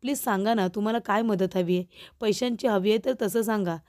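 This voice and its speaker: A woman's voice: mid-range voice, fairly quick, a little mellow, natural voice. A woman voicing a young male office boss in a TV serial recap, reading his lines plainly in her own voice. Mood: concerned.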